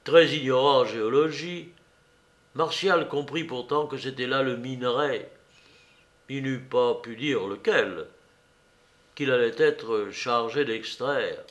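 A man narrating a novel as an audiobook, reading in a measured way that slows and drops at the ends of phrases. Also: medium pitch.

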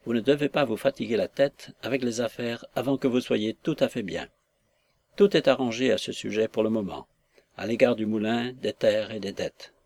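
A dutiful teenage son, earnest and reassuring, as a male narrator reads him. He speaks steadily and a touch low in an audiobook reading. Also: normal speed, a little mellow, no room sound, natural voice. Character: sixteen-year-old boy, earnest and dutiful son.

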